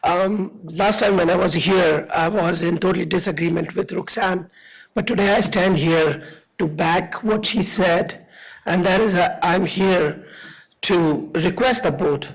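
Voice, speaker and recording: A man who has lost his voice, speaking in a hoarse, raspy near-whisper, giving earnest, halting public comment as a parent at a board meeting. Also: high voice, rough recording. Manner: earnest, halting, repeats words.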